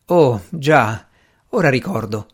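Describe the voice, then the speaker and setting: A proud young magician talks in a dry, sardonic way, as a male reader gives him voice. His pitch moves freely and animatedly. It is a storybook reading. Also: expressive, slow pace, slightly rough. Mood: bemused.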